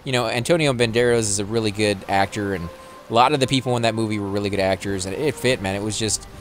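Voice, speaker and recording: With a fairly low pitch and soft music behind him, a Texan man chats his way through a relaxed let's-play. He's talkative, rambling, and laughs readily as he plays.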